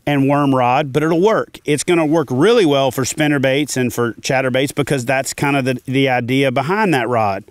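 A man's voice: fairly high pitch, dry recording. A middle-aged man teaching fishing gear to camera from a kayak on a lake, confident and plain-spoken. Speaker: fishing channel host. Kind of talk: instructional talk to camera. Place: outdoors, seated in a kayak on a lake.

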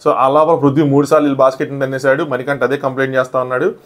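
Rapid-fire male show reviewer. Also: mid-range voice, flat delivery. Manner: rushed storytelling, briefly acting out quoted lines. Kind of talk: casual episode recap commentary.

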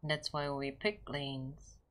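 A man's voice: fairly high pitch, takes it slowly, sharp tone. A man from Indonesia, chatting casually to viewers during a game stream, reassuring them and repeating short phrases. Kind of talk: casual gaming live stream chat.

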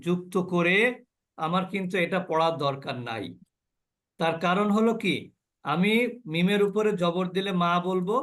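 High-pitched man teaching recitation. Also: a bit bright. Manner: drills students by repeating sounds and asking questions. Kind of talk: online class lesson.

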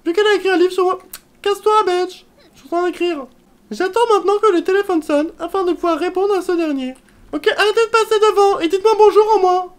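Réceptionniste blasée et vulgaire, voix aiguë et chantante, jouée par une femme. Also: female voice, fast talker. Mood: smug. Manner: high sing-song voice, swears offhandedly. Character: bored crude young woman club receptionist.

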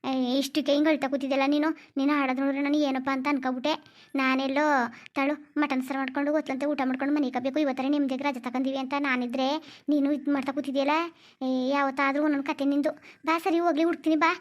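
A woman's voice: sits high, flat delivery, lightly acted. A woman voicing a bossy chattering housewife. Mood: scolding. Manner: scolding, chatty, rapid. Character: bossy, talkative village housewife friend.

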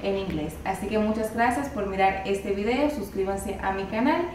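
A woman teaching a pronunciation lesson, slowly spelling out letters and repeating each word with patience. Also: medium pitch, darkish tone, recorded from a distance. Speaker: English teacher. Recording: roomy echo, voice from afar, faint hiss.

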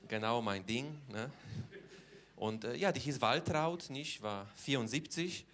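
At a measured pace, a comedian with a mid-range, fairly bright voice plays a cheeky, boasting Polish man on stage. He speaks broken German in a Polish accent and caps almost every line with a question.

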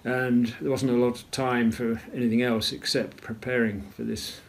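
An older man tells his story in an interview, unhurried and measured. His voice is gravelly and sits at a middle pitch, and he clears his throat often as he talks. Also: flat delivery, a little hiss or hum. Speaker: retired naval officer interviewee. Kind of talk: interview recollection.

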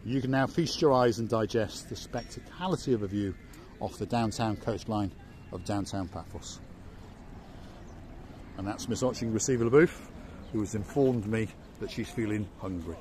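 A man's voice: fairly low pitch, normal speed, darkish tone. An older man hosting a casual walking vlog outdoors by a harbour, joking and chatting like a tour guide into a handheld phone. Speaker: vlog host. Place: outdoors by a seaside harbour promenade. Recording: faint outdoor noise.

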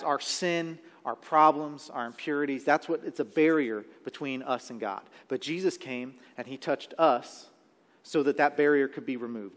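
A man preaching a sermon live in a church, talking conversationally and checking in with the congregation. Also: medium pitch. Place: church sanctuary. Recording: live sermon with long hall reverb.

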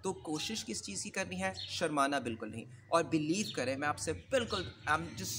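A man's voice: fairly high pitch, lively intonation, normal speed, background noise. A man teaching English pronunciation in Urdu mixed with English, modeling sample phrases for learners. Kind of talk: Urdu-English accent lesson.

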